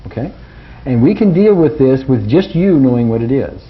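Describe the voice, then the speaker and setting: A man working as a therapist, calm and reassuring, guiding a client through softly repeated phrases. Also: medium pitch, normal speed. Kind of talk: therapy session, guiding repetition. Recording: dull lo-fi with faint hiss.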